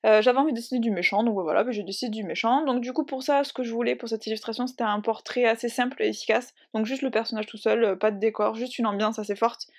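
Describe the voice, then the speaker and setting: A bubbly woman chats casually to camera about books and drawing. Her voice sits a little high, and she rambles, corrects herself mid-sentence and breaks into laughter easily. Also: steady tone, quick pace, hardly any pauses. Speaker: book and art vlogger.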